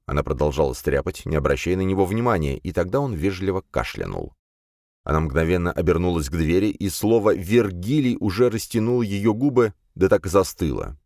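Male audiobook narrator, very low voice with lively, animated intonation, dry close read. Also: a little fast, dry recording. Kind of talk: scripted narration.

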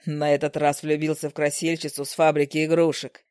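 A woman voicing an adult demon husband, teasing and affectionate, with a smug, unhurried way of talking. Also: low voice, little pitch movement, darkish tone, dry recording, clean studio sound, pitched below the performer's own voice, close to an everyday voice.

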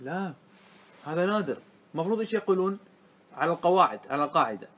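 A man's voice: on the high side, animated, very fast, a bit bright. A man teaching a grammar lesson to a class, explaining step by step and often stopping to check that students follow.

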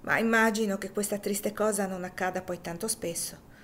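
Woman voicing a languid young lady, dismissive, slow, storybook. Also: medium pitch, fairly even intonation, slight background noise, lightly acted.

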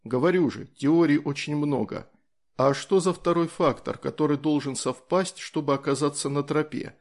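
A man voicing a calm, easygoing soldier in an audiobook, explaining things in a matter-of-fact way. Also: fairly high pitch, moderate pace, natural voice.

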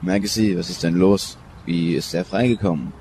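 An actor playing a stern, older male Egyptologist professor in a radio play, speaking in a measured, authoritative way. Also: sits low, a little mellow, a little hiss or hum.

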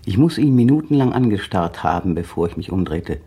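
In a radio drama, an actor voices a brooding man recalling a still afternoon, his inner monologue now and then rising to a fevered pitch. His low voice is warm and husky, with a sing-song lilt and a slightly quick pace. It's a full character performance.

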